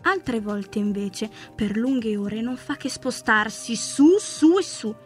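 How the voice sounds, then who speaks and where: A woman narrating a literary short story in a slow, measured, hushed manner. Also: a little high, lively intonation. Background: faint music.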